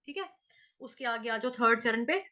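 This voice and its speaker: A woman teaching Sanskrit pronunciation, drawing words out syllable by syllable and then explaining quickly. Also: a little high, lively intonation, pushed and bright, muffled recording. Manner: slow, drawn-out syllable-by-syllable recitation alternating with quick explanations. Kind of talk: step-by-step pronunciation lesson.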